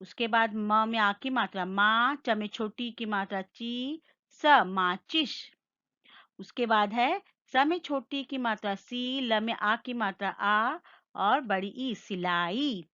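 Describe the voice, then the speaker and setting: A woman teacher giving a Hindi lesson, slowly sounding out each word and explaining its meaning. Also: on the high side, sharp tone, highs cut off. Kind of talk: slow classroom lesson with call-and-repeat.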